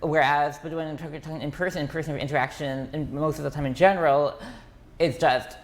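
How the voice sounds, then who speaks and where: A man talking as a podcast guest. He speaks quickly, with many fillers, restarts and broken-off phrases. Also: fairly high pitch, fairly even intonation. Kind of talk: casual conversation.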